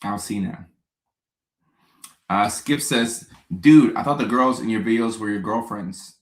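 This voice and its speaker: Man, casual livestream host, relaxed and joking, lowish voice, roomy echo. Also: a little slow. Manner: relaxed, chatty, joking asides. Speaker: livestream host answering viewer questions. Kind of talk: casual live stream Q&A.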